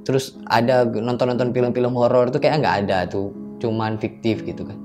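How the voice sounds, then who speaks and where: A man's voice: medium pitch, normal speed, music in the background. A young man from Aceh, casually telling of his own experience as a guest and acting out the dialogue as he goes. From Aceh, Indonesia. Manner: lively retelling that acts out quoted dialogue. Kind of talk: casual spoken storytelling.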